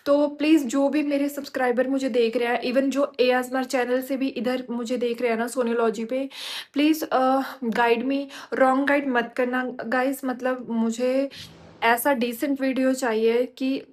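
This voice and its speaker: A young woman vlogging casually from home, telling stories in a chatty, animated way. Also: high voice, moderate pace. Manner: chatty, animated storytelling with Hindi-English mixing. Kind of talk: casual chat.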